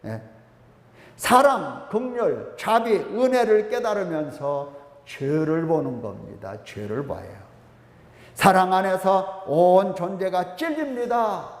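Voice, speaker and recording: Korean church pastor guy preaching, high voice, big echoey hall, keeps asking the crowd "eh?". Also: expressive, slow pace. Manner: emphatic, repeats phrases, prompts congregation with "어?" and "예?". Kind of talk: sermon. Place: church sanctuary.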